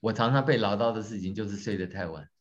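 Church class teacher, man, lowish voice, lively and self-mocking, dull lo-fi recording. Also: fast talker. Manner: lively, questions the audience, tells jokes on himself. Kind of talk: interactive teaching talk.

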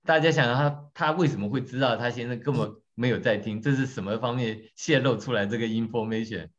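A man teaching a church class, talking in a lively way, quizzing his audience and joking about himself. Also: mid-range voice, brisk. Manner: lively, questions the audience, tells jokes on himself. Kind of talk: interactive teaching talk. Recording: dull lo-fi recording.

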